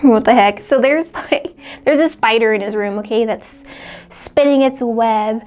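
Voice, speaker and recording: A woman's voice: fairly high pitch, a little slow, darkish tone. A woman casually retelling a classic story for a book vlog, chatty and full of "like" and little laughs. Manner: chatty, heavy use of "like", laughs often. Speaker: book vlogger.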